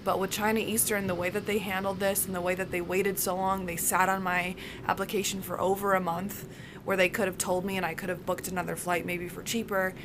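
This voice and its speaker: A young adult woman vlogger with a hoarse smoker's rasp, as if her voice is giving out, chatting casually and rambling to the camera. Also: medium pitch, level tone, fairly quick, noisy background. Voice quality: raspy smoker's rasp, voice wearing out. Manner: rambling, acts out reported exchanges. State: hoarse, close to losing voice.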